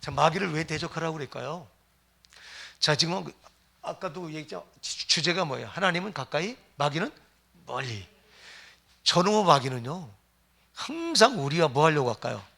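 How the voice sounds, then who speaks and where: A man's voice: on the high side, animated, normal speed, vocal fry, long pauses, sharp tone. A middle-aged man preaching a sermon as pastor, emphatic and firing rhetorical questions at the congregation.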